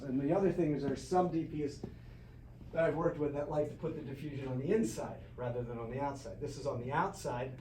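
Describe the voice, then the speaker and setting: A man with a somewhat high voice leads a hands-on lighting workshop, talking loosely and telling stories with restarts and asides. He is picked up from across a reverberant studio classroom, and steady background noise sits under his voice. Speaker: film lighting instructor. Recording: echoey room, distant, noisy ambience.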